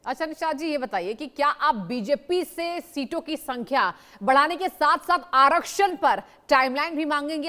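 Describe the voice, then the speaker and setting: A woman TV news anchor asking an interview guest polite, measured questions in a formal style. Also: high-pitched, a bit bright.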